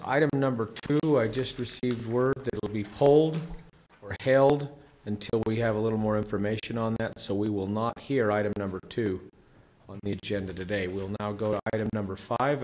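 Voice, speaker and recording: A man chairing a county commission meeting, speaking in a procedural, halting manner. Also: lowish voice, fairly even intonation, a little mellow.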